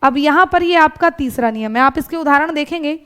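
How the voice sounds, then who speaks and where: A woman with a high voice teaches an exam-prep grammar lesson. She has a North Indian Hindi accent. She works through each example step by step and keeps asking her students rhetorical questions. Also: brisk, fairly bright tone. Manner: often adds checking tags like "thik hai" and "hai na".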